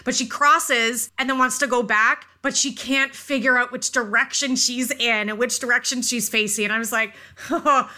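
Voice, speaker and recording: Woman podcast co-host, fairly high bright voice, animated, self-deprecating chat. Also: normal speed.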